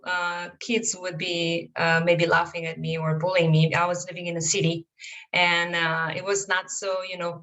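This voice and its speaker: A woman's voice: on the low side, fairly bright tone, low-quality recording. A woman giving an online presentation with slides, speaking hesitantly with many fillers. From Romania. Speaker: guest speaker, fashion brand founder.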